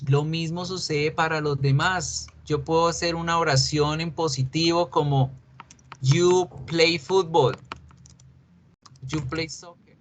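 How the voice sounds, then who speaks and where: A man's voice: fairly high pitch, fairly even intonation, normal speed, few pauses, a bit bright, slight background noise. A male English teacher explaining grammar patiently in a recorded online class, mixing English examples into his talk and asking and answering his own questions. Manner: asks and answers his own questions aloud, as a student would.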